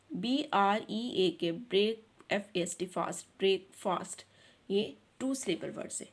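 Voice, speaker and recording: A woman teacher giving an online lesson. She reads English sentences aloud slowly, explains them in Urdu, and spells words out letter by letter. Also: mid-range voice.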